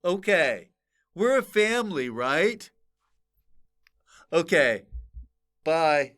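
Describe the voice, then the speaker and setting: A man hosts a podcast, chatting casually and joking around in an informal, playful way. His voice sits a little high with big swings in pitch, and he talks very slowly with a fairly bright tone.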